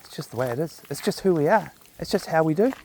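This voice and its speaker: A fast-talking man with a voice on the high side and lively intonation sounds a little mellow, with slight background noise. He's a laid-back New Zealand vlogger walking his dog on outdoor park trails, recorded with a chest-mounted camera. His casual rambling monologue is chatty and sprinkled with jokey asides.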